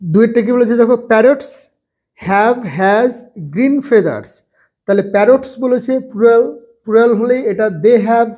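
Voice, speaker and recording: A man teaching English grammar to children, slowly repeating phrases and spelling words out letter by letter. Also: very high voice, mellow. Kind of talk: bilingual grammar lesson.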